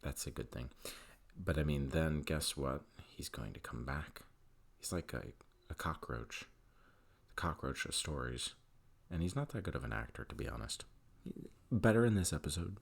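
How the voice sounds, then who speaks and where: Gravelly deep-voiced man reviewing TV. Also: expressive, moderate pace, pauses often. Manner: rambling, with many fillers and restarts; candid and opinionated. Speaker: TV episode reviewer. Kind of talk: casual spoken review.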